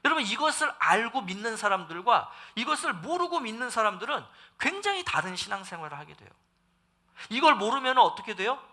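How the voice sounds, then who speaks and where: Animated, bright-voiced male pastor preaching. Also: high voice, a little fast. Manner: animated preaching with rhetorical questions to the congregation. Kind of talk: sermon. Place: church.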